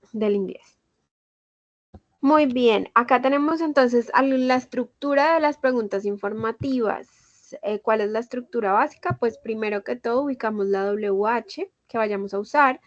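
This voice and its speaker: Slightly high-voiced woman teaching English online. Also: no echo. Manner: explains step by step with Spanish and English examples. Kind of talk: online class explanation. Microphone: video call. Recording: dull lo-fi video call audio.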